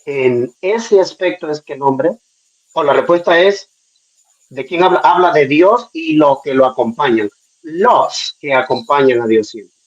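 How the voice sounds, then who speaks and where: A male preacher speaks haltingly, filling pauses as he gathers his thoughts. His voice sits slightly high and comes through dull lo-fi call audio. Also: expressive. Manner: hesitant, many fillers. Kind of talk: debate participant.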